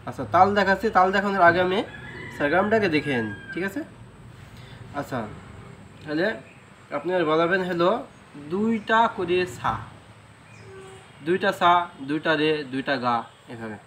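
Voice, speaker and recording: A man's voice: high voice, lively intonation, a bit bright, a little hiss or hum. A man with a Bangladeshi Bengali accent teaching a flute lesson, patiently explaining rhythm and singing sargam syllables, often checking "right?". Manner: sings sargam syllables slowly. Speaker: music teacher. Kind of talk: flute lesson, spoken instruction.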